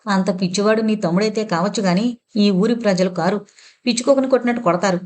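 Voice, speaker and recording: A woman's voice: medium pitch, fairly quick, a little mellow, natural voice. A woman narrator voicing a grief-stricken young woman who curses her mother's killers. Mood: furious. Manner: pleading then cursing, impassioned. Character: grieving daughter cursing her mother's killers.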